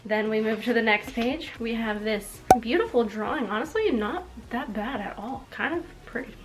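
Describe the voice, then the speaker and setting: A woman's voice: a little high, normal speed, heavy background noise. A young adult woman reading her own childhood diary aloud in an embarrassed, amused way, with casual asides and dramatic emphasis. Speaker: vlogger.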